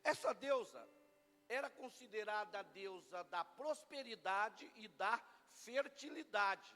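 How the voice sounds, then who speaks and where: A man with a Brazilian Portuguese accent preaching a lively Easter sermon as pastor, bantering playfully with his congregation. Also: high voice, slow. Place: church hall. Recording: long church hall reverb.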